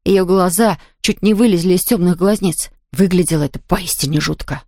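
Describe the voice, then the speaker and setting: Female audiobook narrator, steady telling, dry close sound. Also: fairly low pitch, moderate pace, no echo. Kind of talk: scripted narration.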